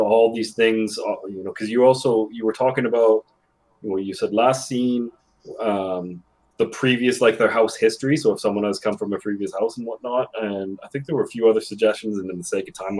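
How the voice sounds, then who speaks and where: A man's voice: lowish voice, a little mellow, low-quality recording. A man, a guest on a gaming podcast, talking at length in a rambling way with many fillers. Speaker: guest, influencer manager. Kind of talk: casual podcast chat.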